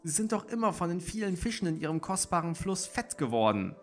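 Brief: sharp-tongued she-cat, man voicing, pitched up. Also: sing-song, a little fast, soft background music. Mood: scornful.

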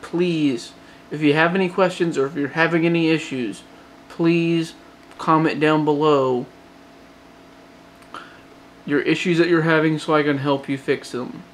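A man with a gentle Southern drawl from Georgia, speaking a little high for a man. He rambles through a casual late-night update, restarting sentences and leaning on fillers, sounding tired. Faint noise sits behind his voice. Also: fairly even intonation, unhurried. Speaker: hobbyist phone modder.

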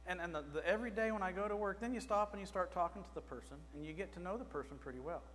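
A man's voice: high voice, rapid-fire, a bit bright. A middle-aged man preaching a sermon in a small church, speaking conversationally and putting questions to the congregation from the pulpit. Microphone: pulpit microphone. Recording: reverberant church with faint mains hum.

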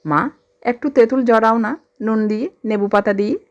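A woman voicing a young grown son who gently asks his mother for things. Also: on the high side, normal speed, dull audio, voice pushed up, natural voice. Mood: asking.

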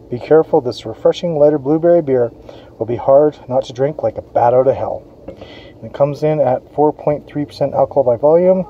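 On an outdoor patio, a man from Western Canada, an adult with kids, gives a casual, chatty beer review and reads the label aloud. His voice is medium-pitched, and the recording is muffled with slight background noise.

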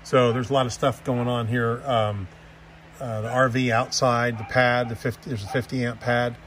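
A real estate agent with a mid-range, fairly bright voice gives an unscripted walkthrough tour at a moderate pace. His delivery is flat, but he's folksy, offhand, and jokey. There's slight background noise.

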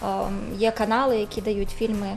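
A woman lecturer on a studio interview panel, speaking in a measured, formal way with small hesitations. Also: medium pitch, flat delivery, soft background music. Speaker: language lecturer.

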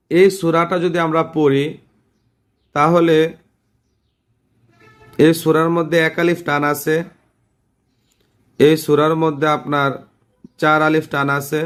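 Slow, patient male tajweed teacher. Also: fairly high pitch, little pitch movement. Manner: patient, spells out letters and vowel marks step by step; asks the class to repeat after him. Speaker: Quran recitation teacher. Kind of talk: tajweed lesson with slow drawn-out recitation.

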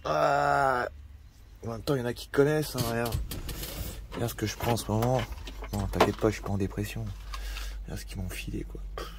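A man's voice: mid-range voice, steady tone, fairly quick, pauses often, very noisy. A man vlogging casually outdoors by a campfire, talking in slang and swearing freely as he rambles. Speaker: van-life vlogger. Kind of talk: casual vlog chat.

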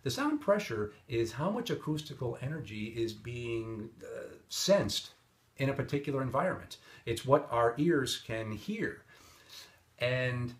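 A man's voice: medium pitch, very animated, a little slow. A middle-aged man presenting an instructional lesson on lapel mic, explaining steadily with everyday examples and "uh" fillers. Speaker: HVAC sales engineer presenter. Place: indoor studio with plain grey backdrop.

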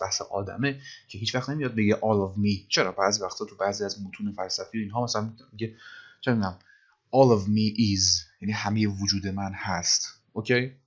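A man teaching English grammar in a casual, chatty way, reading English phrases out slowly, word by word. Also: on the low side, slightly rough, dull audio. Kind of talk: casual grammar lesson in Persian.

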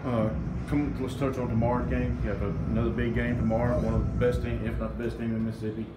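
A man asking questions at a post-game press conference, taking the long way round to each one. His voice sits at a middle pitch and sounds off-mic in an echoey room, with loud noise underneath. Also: level tone, fast talker. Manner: chatty, rambling lead-ins to questions. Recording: roomy distant sound with loud background noise.

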